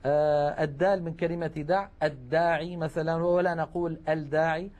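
A man's voice: a little high, fairly even intonation, a little fast, darkish tone, lo-fi sound. A man teaching Quran recitation rules in a broadcast lesson, explaining patiently with frequent hesitations.

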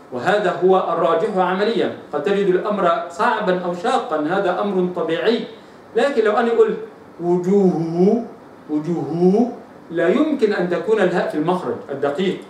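Egyptian guy teaching quran recitation, high voice, repeats sounds slow, really echoey room, kinda far from the mic. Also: slight background noise. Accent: Egyptian Arabic. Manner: demonstrates letter sounds slowly and repeatedly. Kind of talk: tajweed lesson with drills.

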